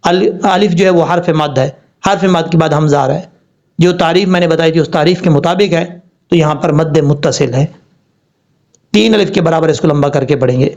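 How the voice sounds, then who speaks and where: A man with a fairly high voice teaches recitation rules patiently, breaking each word into slow spelled-out syllables. The recording sounds dull and lo-fi. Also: a little mellow. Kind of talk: tajweed lesson.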